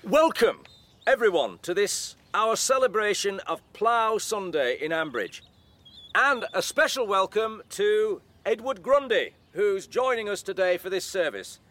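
A man's voice: sits high, sing-song, a little slow, bright, forceful tone, exaggerated voice. A man playing a welcoming clergyman at a village service in a naturalistic radio soap, with a formal manner. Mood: ceremonial.

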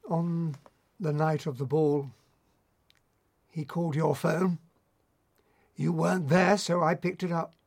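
An actor playing a wounded, distrustful man who questions his partner in a measured, accusing way. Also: on the high side, steady tone, no echo, clean studio sound. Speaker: actor in a radio drama. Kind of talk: radio drama acting.

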